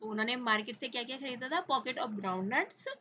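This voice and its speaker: A woman with an Indian accent teaching a children's textbook lesson, reading English lines slowly and then explaining them quickly, switching back and forth between English and Hindi. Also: on the high side, pushed and bright, highs cut off, slight background noise.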